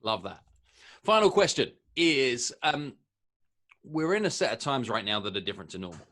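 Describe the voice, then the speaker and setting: A man hosting a podcast interview over a remote call, asking long, measured questions. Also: mid-range voice, big pitch swings, a bit bright. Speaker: podcast host. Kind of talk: interview host.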